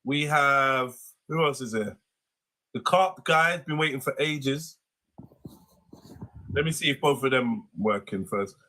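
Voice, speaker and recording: A man's voice: mid-range voice, slow pace, long pauses, sharp tone, poor audio. A man hosting a casual livestream, chatty and full of British street slang. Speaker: livestream host. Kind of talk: casual live chat hosting.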